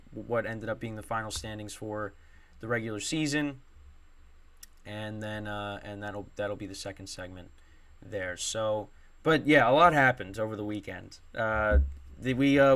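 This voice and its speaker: Solo on his sports podcast, a young host speaks in a fairly bright voice that sits on the low side. His throat is worn from yelling at a game, and his talk wanders, full of fillers and false starts.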